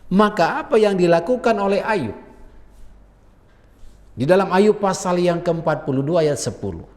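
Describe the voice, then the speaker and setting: A man's voice: sits high, in a large hall. A man preaching a sermon as pastor, mixing earnest exhortation with casual, conversational asides.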